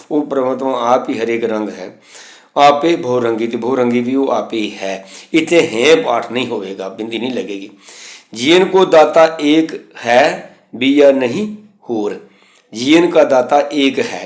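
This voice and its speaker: Man teaching scripture pronunciation, roomy. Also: mid-range voice. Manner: recites verses slowly, then explains grammar point by point. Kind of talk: recitation and explanation lesson.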